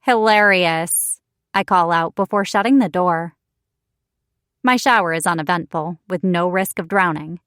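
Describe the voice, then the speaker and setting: A woman reading a first-person romance audiobook in an expressive, wry storytelling manner, recorded close on a studio mic. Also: fairly low pitch, moderate pace, dry recording. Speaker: audiobook narrator.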